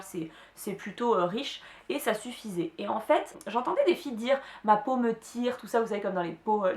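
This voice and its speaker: A young woman talks through her favorite beauty products in a relaxed vlog. She rambles, pauses and restarts often, her voice mid-pitched. The room is echoey. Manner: chatty, many hesitations and restarts. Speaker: beauty vlogger. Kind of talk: casual product chat to camera.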